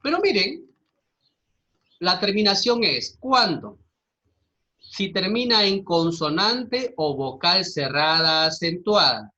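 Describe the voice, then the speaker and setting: Bright-voiced man teaching a grammar class. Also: high-pitched, big pitch swings, slow pace, highs cut off. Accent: Peruvian Spanish. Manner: explains step by step, often checks with "¿sí?". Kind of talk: grammar lesson for students.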